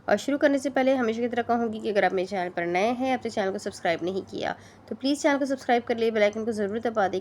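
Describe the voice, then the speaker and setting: A woman hosting her channel and reading a romance novel aloud in a steady storytelling manner. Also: medium pitch. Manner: steady storytelling with small restarts. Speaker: audiobook narrator.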